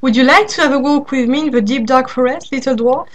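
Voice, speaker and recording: A woman's voice: sits high, fast, slight background noise, lightly acted. A woman with a French accent voicing a bloodthirsty young vampire princess who speaks in a sweet, luring way.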